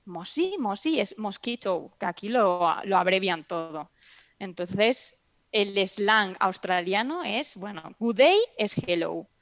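A woman from Spain, chatting as an interview guest and telling animated stories. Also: mid-range voice, slow pace, no echo. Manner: chatty, animated storytelling with restarts. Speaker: interview guest, mother and teacher. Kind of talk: casual interview chat.

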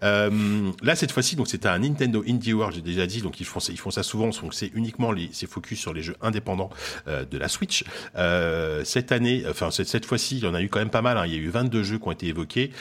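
A young man runs a casual gaming discussion in a deep, low voice. He talks quickly, piling up fillers and false starts as he thinks aloud. The tone stays loose and conversational. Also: a bit bright. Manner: hesitant, many fillers and restarts. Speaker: podcast host.

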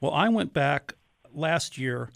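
A man hosting a radio interview, conversational, with halting, thoughtful phrasing. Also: fairly high pitch, animated, gravelly, fairly bright tone, no echo. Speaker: radio show host.

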